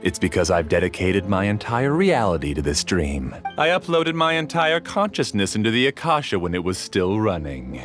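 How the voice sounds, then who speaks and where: Game villain, deep voice, lively intonation, courteous, scheming, calmly arrogant, music behind. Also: male voice. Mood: intrigued, smug. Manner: polite, theatrical, measured. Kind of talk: video game voice acting.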